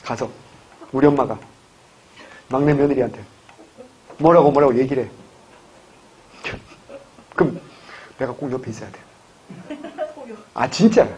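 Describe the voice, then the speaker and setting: A man from Gyeongsang lectures on history for exam prep in a steady, mellow, mid-range voice at a moderate pace, pausing often. He keeps firing off questions and answering them himself on a dull, faintly hissing lo-fi recording.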